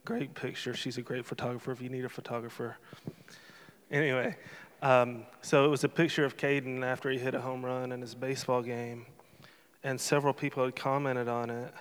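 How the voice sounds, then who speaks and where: A man's voice: mid-range voice, flat delivery, a little fast, clean tone. A middle-aged man speaking at a church service, closing it with an earnest, emotional, personal talk. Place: church sanctuary. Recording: long hall reverb in a sanctuary.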